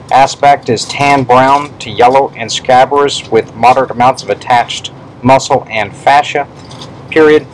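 A man dictates a clinical report at a slow, deliberate pace, voicing each punctuation mark. His voice sits at a middling male pitch, with steady room noise behind it. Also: rough recording. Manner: measured dictation, speaking punctuation aloud. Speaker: pathology specimen prosector.

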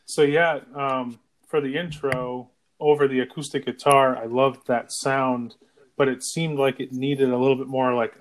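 A man co-hosts a band podcast with a middle-pitched voice. He talks in loose, rambling phrases. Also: flat delivery, moderate pace. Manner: loose, filler-heavy phrasing. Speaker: podcast co-host, band bassist. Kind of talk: casual podcast chat.

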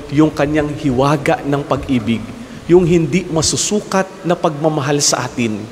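A young man with a Filipino accent, a priest giving an earnest homily in a small chapel, slipping English phrases into his sermon. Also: fairly high pitch. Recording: long hall reverb, faint noise.

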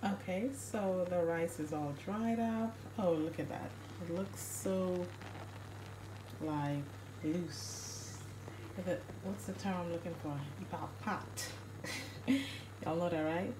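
A woman's voice: on the low side, slow pace. A Haitian woman cooking in her home kitchen, chatting casually to viewers and filming on a phone held in one hand. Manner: chatty, rambling asides to viewers. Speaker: cooking vlogger. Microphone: phone camera held in one hand. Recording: echoey kitchen, stove and pot noise.

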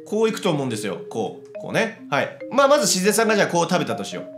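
A man giving casual let's-play commentary, chatty and excitable, talking to himself as he plays. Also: fairly high pitch, rapid-fire. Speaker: game commentator. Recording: roomy echo with background music.

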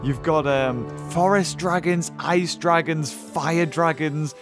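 There's music in the background as a young man, hosting a gaming video, takes it slowly while casually remarking on his game and reacting aloud to events on screen. A sore throat leaves his slightly high voice rough and hoarse.

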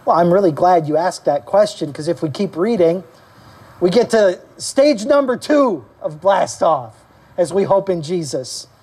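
A male pastor preaching to his congregation in a church service. He talks animatedly and leaps higher in pitch to act out quotes. He asks his listeners questions and calls out for amens. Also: expressive, unhurried, darkish tone, husky. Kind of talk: sermon.

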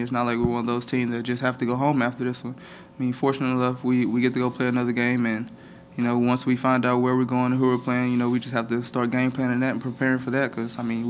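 In a press conference room after a game, a young adult college football player speaks in a flat, measured, medium-pitched voice, leaning often on "I mean." A table microphone picks him up, along with slight hiss or hum.

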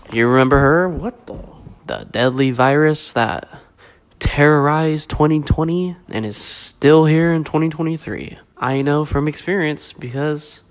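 A young man with a stuffed-up, congested voice from a cold, giving a joking, rambling, self-deprecating casual vlog update. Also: medium pitch. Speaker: vlogger.

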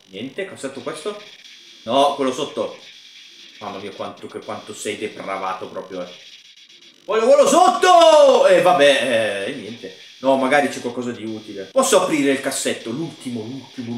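A young man commenting on a horror game as he plays, muttering quietly to himself and yelling when something startles him. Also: mid-range voice, echoey room, a little hiss or hum. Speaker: gaming YouTuber.

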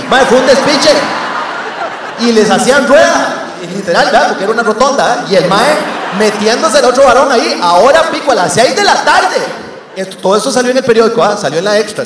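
Man, Costa Rican accent, stand-up comic, crude swearing storyteller, high voice, echoey theater hall. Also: fairly bright tone, a little hiss or hum. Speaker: comedian. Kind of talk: stand-up comedy.

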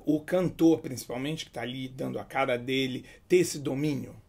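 A man's voice: mid-range voice, normal speed, gravelly, dark tone. A middle-aged man with a Brazilian Portuguese accent, hosting a TV interview in a hotel studio set, with announcer-style intros and probing questions. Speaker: interviewer and show host.

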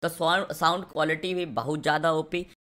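A man's voice: a little high, little pitch movement, a little fast, bright, forceful tone. Young man, gaming streamer, rowdy crude banter, sponsored gameplay commentary.

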